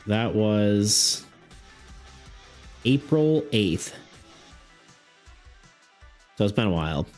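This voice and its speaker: In a lowish, slightly mellow, sing-song voice, a young man speaks extremely slowly during a casual live stream. He rambles about art and game design with lots of fillers and laughter, mentioning he's losing his voice, over faint background music.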